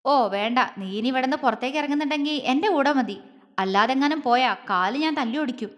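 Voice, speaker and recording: Woman doing a gruff tender husband, higher voice, echoing hall reverb. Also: quick pace, a bit bright. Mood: stern. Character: protective young husband, gruff but tender.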